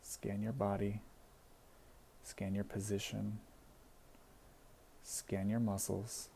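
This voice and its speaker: This man guides a body scan meditation with gentle instructions, spoken flatly and broken up by deliberate pauses. His deep, mellow voice has a noticeable fry, and the recording carries some faint noise.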